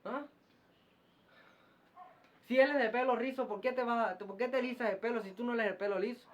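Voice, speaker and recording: A man's voice: extremely high pitch, steady tone, brisk. A man preaching a fiery, scolding sermon, firing off rhetorical questions and repeating himself. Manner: repeats phrases and stumbles into restarts. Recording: muffled lo-fi recording.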